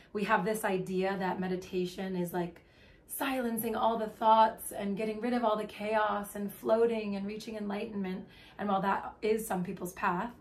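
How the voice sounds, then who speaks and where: Woman guiding a calm meditation. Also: mid-range voice, slight background noise. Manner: slow, soft, soothing guidance with long pauses; chatty, upbeat introduction. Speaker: meditation teacher. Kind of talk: guided meditation.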